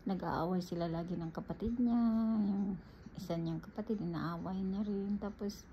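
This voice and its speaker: A Filipina vlogger with a lowish voice, speaking at a moderate pace, chats casually and animatedly about her life, calling her viewers "guys." The audio is dull and lo-fi, with faint ambient noise.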